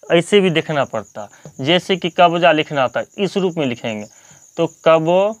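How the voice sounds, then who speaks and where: A man, hosting a slow, patient reading lesson and repeating each point. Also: fairly high pitch, expressive, dry recording. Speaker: teacher and channel host.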